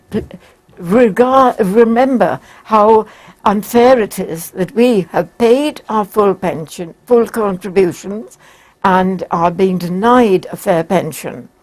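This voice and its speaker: A woman, a very old woman speaking formally and haltingly in a studio interview. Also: mid-range voice, a little mellow. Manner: halting, formal, carefully worded. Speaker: campaigner interviewed as guest. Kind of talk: broadcast interview. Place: broadcast studio.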